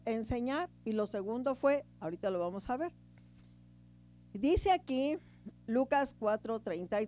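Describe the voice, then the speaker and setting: Higher-voiced woman preaching. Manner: conversational, keeps asking the congregation "right?"; swings between loud emphasis and quiet asides. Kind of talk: sermon.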